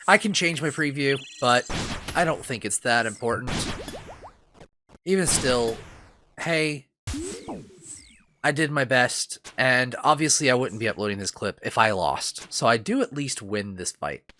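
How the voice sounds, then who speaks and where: A man's voice: mid-range voice, background noise. A man with a lingering cough talks over his gameplay as a voice-over, rambling and self-deprecating, with lots of fillers and restarts. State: lingering cough, itchy throat. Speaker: gaming channel host.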